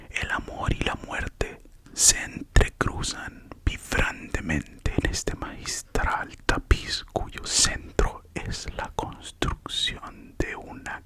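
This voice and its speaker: Whispered role-play, hushed library whisper. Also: rumbling low, vocal fry, husky. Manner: halting, soft-spoken explaining with self-corrections. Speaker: ASMR performer playing a librarian.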